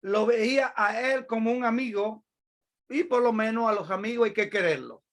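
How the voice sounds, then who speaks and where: A preacher giving a sermon, explaining a scripture passage in a deliberate teaching manner with repeated phrases. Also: mid-range voice, a bit bright. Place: church.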